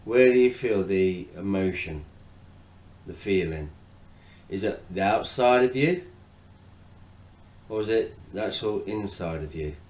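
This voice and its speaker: A male hypnotherapist talking informally and hesitantly about hypnotherapy, with many fillers, then gently guiding the listener through their breathing. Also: low voice, expressive, unhurried, long pauses, roomy sound. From England. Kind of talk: informal talk to camera on hypnotherapy.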